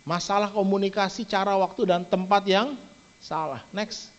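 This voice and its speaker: A middle-aged pastor preaching with a high, lively voice that keeps turning to address his congregation. The sound is dull and lo-fi, like an online church service stream. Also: normal speed. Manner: lively preaching, often adds "saudara". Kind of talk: sermon.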